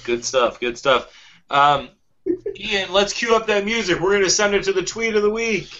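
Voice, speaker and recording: A man's voice: sits high, moderate pace, a bit bright, muffled recording. A man hosting a casual podcast chat, upbeat as he runs the segments. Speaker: podcast host.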